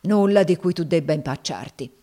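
A woman's voice: deep voice, moderate pace, dark tone, natural voice. A woman voicing a brutal, cursing male slave master who is secretly frightened, in an audiobook reading. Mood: blustering, uneasy. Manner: blustering, cursing.

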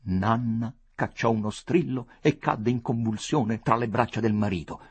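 A man giving an expressive, theatrical audiobook reading of a story. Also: medium pitch, normal speed, husky. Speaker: narrator.

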